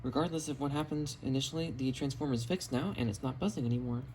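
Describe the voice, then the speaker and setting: Filmed on a cell phone in a home basement, this clip has a radio collector casually walking through his finds in a matter-of-fact show-and-tell. His medium-pitched voice is fast and a little mellow, with background noise audible.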